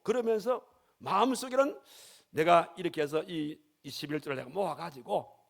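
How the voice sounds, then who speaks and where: A man's voice: high-pitched, creaky, fairly bright tone. A man preaching a sermon as pastor, emphatic, with his voice climbing and falling sharply.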